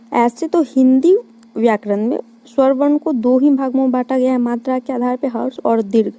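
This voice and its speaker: Female tutor, slightly high, mellow voice; exam-prep lecture, poses questions and answers them herself. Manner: explains step by step, answering her own questions. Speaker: Hindi grammar teacher.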